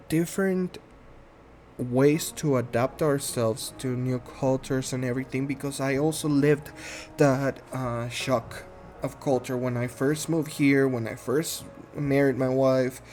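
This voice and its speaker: While playing a game, a man in his 30s from Guatemala who hosts a gaming channel gives a shy, halting self-introduction in English, full of ums and restarts, with a Guatemalan Spanish accent. His mid-range voice is soft-spoken and earnest, and faint music plays behind him.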